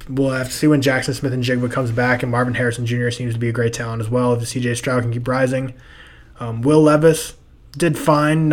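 Rambling young man losing his voice. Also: mid-range voice. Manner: rambling, loose. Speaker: podcast host. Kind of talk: casual sports talk.

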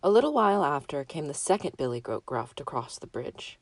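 A woman narrating a fairy tale in a measured, deliberate way. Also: deep voice, very animated, no echo. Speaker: storyteller.

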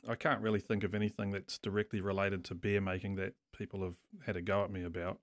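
A man's voice: low-pitched, flat delivery, quick pace, no echo, studio quality. A man with a New Zealand accent chatting casually as a podcast guest, in a laid-back, blokey, sweary way. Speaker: craft brewer, podcast guest.

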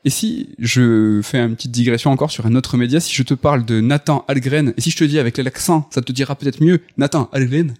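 A man hosting a relaxed talk show about games, his voice sitting at an ordinary middle pitch. He talks in a rambling, playful way, stopping to correct himself and filling pauses as he goes. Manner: rambling, with many fillers and self-corrections; playful, laughs easily. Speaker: podcast host presenting a segment. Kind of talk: casual chat about video games.

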